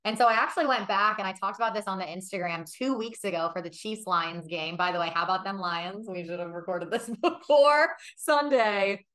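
A woman's voice: mid-range voice, fairly quick, hardly any pauses, fairly bright tone. A woman co-hosting a sports betting podcast, chatting casually, emphatic and often laughing as she talks. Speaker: podcast co-host.

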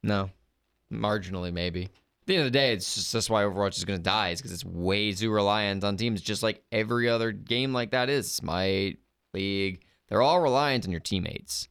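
A tired man with a rough voice co-hosting a casual gaming podcast, ranting sarcastically and cracking jokes. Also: lowish voice, moderate pace, a bit bright, no echo, studio quality. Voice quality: rough, gravelly voice. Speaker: podcast co-host.

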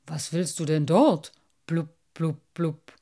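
A woman voices a storybook carp, a slow, thoughtful, old-fashioned male fish who is loyal and easily moved. She speaks unhurriedly in a lower, mellow register, sounding puzzled, and deliberately drops bubbly "blub" interjections between phrases.

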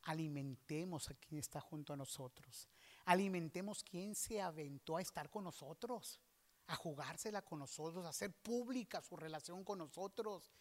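Male pastor, high-pitched, preaching with soft dips and loud bursts. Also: normal speed. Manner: preaching with swings between soft asides and loud outbursts. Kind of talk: sermon.

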